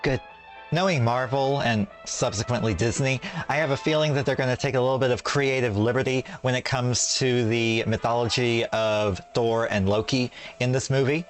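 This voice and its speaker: A man's voice: mid-range voice, fairly even intonation, normal speed, soft background music. A man hosting a reaction vlog, talking with a lisp because of a sore bitten tongue, in a sassy, self-mocking, joking way. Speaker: reaction video host. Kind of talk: casual vlog chat and voiceover.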